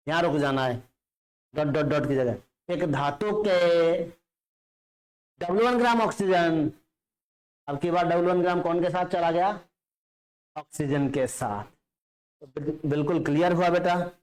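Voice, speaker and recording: A male chemistry teacher giving a classroom lecture, explaining step by step and often checking that students follow. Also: fairly high pitch.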